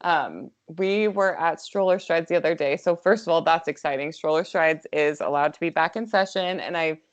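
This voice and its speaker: A woman's voice: sits low, moderate pace. A woman co-hosting a podcast, chatting casually and supportively with easy laughter. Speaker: podcast co-host. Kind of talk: casual chat. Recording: dull lo-fi podcast audio.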